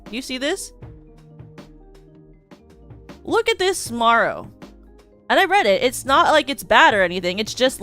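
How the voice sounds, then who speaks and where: A young woman chats on a casual stream, giggling and rambling through restarts. Her voice sits a little high and swings a lot in pitch. Soft music plays faintly underneath.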